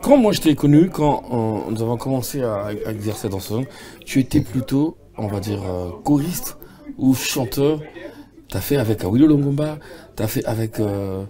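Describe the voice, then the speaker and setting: A man's voice: mid-range voice, lively intonation, normal speed, mellow. A man hosting an interview, asking familiar, probing questions. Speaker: interviewer host. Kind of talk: casual interview.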